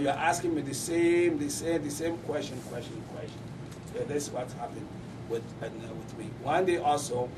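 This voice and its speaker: Halting man, distant mic. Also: fairly high pitch. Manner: halting, repeats words. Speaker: press conference speaker. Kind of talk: personal testimony at a press conference. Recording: distant mic with clear room noise.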